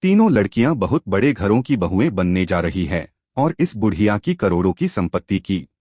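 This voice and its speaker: A man voicing a calm, wise divine messenger who explains patiently, in a storytelling reading. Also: fairly low pitch, moderate pace, no echo, clean studio sound. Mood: reflective.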